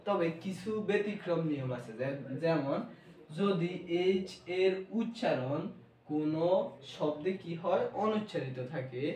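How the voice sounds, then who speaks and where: A man's voice: fairly high pitch, animated, unhurried, darkish tone. A male English grammar teacher with a Bangladeshi accent, giving a classroom lesson and asking questions he then answers himself. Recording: echoey room, voice from far off.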